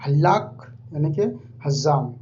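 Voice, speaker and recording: A man giving an informal vocabulary lesson, repeating each word slowly several times. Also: on the high side, expressive, warm tone. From India. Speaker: language teacher. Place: living abroad in Saudi Arabia. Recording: dull lo-fi recording with faint hum.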